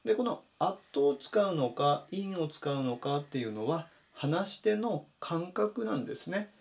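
A man teaching English vocabulary in Japanese, saying each word slowly and clearly in a voice-over lesson. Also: a little high, animated. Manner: slow, careful spelled-out pronunciation of English words.

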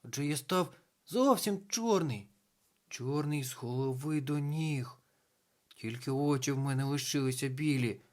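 A man's voice: medium pitch, a little slow, close to an everyday voice. A man voicing a small, merry male castle ghost who talks in a fretful, wondering way. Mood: dismayed.

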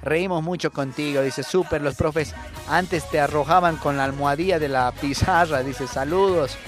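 This young Bolivian-accented radio host and comedian speaks at a moderate pace in a fairly high voice, with music playing behind him. His talk is a loose, joking radio monologue in which he reads messages sent in by listeners.

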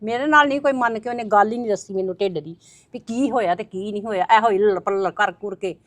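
A woman plays a blunt middle-aged village woman who talks fast and argues hard, sharp with blame. The sound is dry and close. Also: mid-range voice, no echo, lightly acted. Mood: accusing. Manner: fast, accusing, argumentative. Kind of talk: web drama acting.

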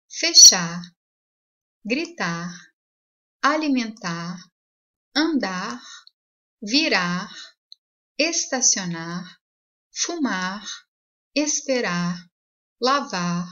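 A woman teaching a language lesson, switching between two languages, saying each example clearly and repeating it twice. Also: medium pitch, pushed and bright, dull audio. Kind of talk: slow bilingual language lesson.

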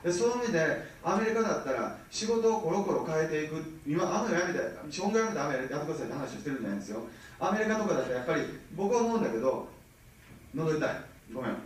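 A man in his thirties with a Kansai accent, giving an animated seminar talk and often checking that the audience follows. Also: on the high side, racing. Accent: Kansai Japanese. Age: 30s. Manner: animated, keeps checking the audience with rhetorical questions. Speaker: business seminar speaker. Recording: very echoey, mic far from speaker.

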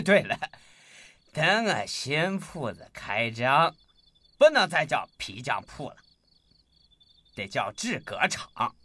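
A drunken braggart of a husband, laughing and swaggering through slurred boasts. His voice sits high and swings wildly up and down, slow and drawn out, with a bright, husky edge. It is recorded close and dry. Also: no room sound, full character voice. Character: boastful drunken husband, middle-aged man. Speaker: drunken leather-shop owner planning a tannery.

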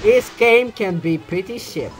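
A man's voice: sits high, measured pace, music in the background, rough recording. Teasing man riffing over gameplay. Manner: teasing, hums game tunes. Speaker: gameplay commentator. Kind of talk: casual playthrough banter.

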